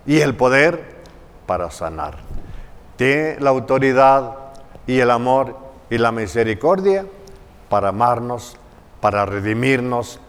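Slow emphatic preacher in a reverberant church. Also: male voice, mid-range voice, clear, resonant tone. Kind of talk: sermon.

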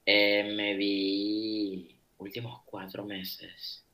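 Man, casual film chat, lowish voice, bright tone, enthusiastic. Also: flat delivery, very slow. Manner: enthusiastic, repeats his praise. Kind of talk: casual group chat about films.

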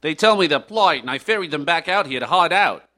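A man's voice: on the high side, expressive, a little fast, sharp tone. A man doing a chirpy Aussie sanctuary owner. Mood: cheery. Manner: chirpy, slangy, easygoing. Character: jovial Australian sanctuary owner, ex-pilot. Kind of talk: live audio drama acting.

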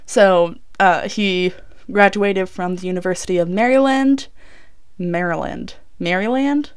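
A woman's voice: fairly low pitch, measured pace, clean tone. Young woman talking from inside her closet, chatty rambly true crime vlog, keeps correcting herself. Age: young adult. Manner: rambling, chatty, frequent fillers and self-corrections. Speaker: college student vlogger. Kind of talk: casual true crime storytelling. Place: small clothes closet, recording indoors.

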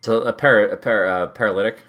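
A man in his thirties co-hosts a casual chat, rambling, interrupting himself, and restarting sentences in a joking tone. His voice is fairly low and a bit bright, with fairly even intonation and a quick pace.

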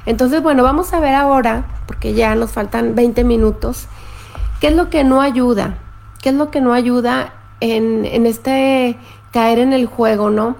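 A middle-aged woman hosts a live stream as a therapist, calmly explaining things as she greets viewers and reads their comments. Her voice is a little high, unhurried and gravelly.

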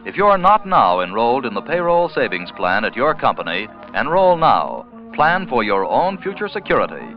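A man delivers formal, emphatic 1940s radio announcements with a lively, swooping pitch. He is heard as an old broadcast transcription disc, dull and muffled with limited highs. Faint music plays behind him. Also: moderate pace, few pauses. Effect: old broadcast transcription disc sound.

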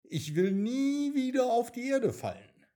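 A man's voice: very high voice, very animated, unhurried, mellow, pitched above the performer's own voice, exaggerated voice. A man putting on a timid little raindrop. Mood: reluctant. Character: small stubborn timid raindrop, male.

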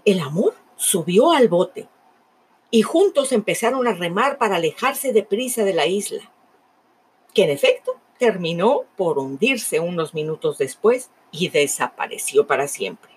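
A woman narrating a fable in a dramatic, emotive way, with lingering pauses. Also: fairly low pitch, animated, slight background noise. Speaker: storyteller.

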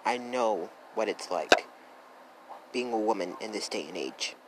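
A man's voice: lowish voice, a little slow, noisy background. A man hosting his own vlog, speaking earnestly and emphatically in repeated affirmations while holding back emotion. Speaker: vlog host. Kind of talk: earnest direct-to-camera talk.

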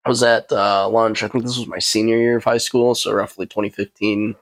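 A man's voice: on the low side, level tone, brisk, no echo. A young man co-hosting a podcast, telling stories in a loose, casual way and swearing freely. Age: young adult. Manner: loose, profane storytelling. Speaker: podcast co-host. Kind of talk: casual chat.

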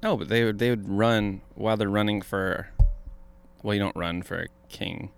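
A man's voice: fairly low pitch, steady tone, moderate pace, vocal fry, clean tone, faint music behind. A man co-hosting a podcast in a joking, casual chat outdoors, laughing often. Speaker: podcast co-host.

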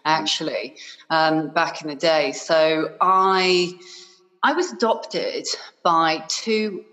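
Talking slowly in a low, steady, fairly bright voice, this woman, born in Hong Kong and raised in Yorkshire, England, is a business owner chatting effusively as a podcast guest, with plenty of fillers. The conversational interview was captured in low quality and sounds like it's in a large hall.

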